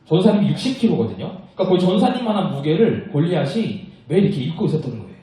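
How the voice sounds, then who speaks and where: A young man preaching to children, telling a Bible story in a lively way and asking the kids questions as he goes. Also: fairly high pitch, very fast, far from the mic. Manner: animated, asks children questions. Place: church worship room. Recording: echoey room, voice from afar.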